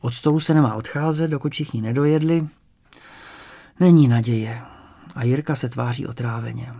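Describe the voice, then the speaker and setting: A male storyteller reads the tale at an even pace, his voice carrying a gravelly edge. He keeps the narration calm and measured, in a middle register. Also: medium pitch. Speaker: audiobook narrator. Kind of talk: scripted narration.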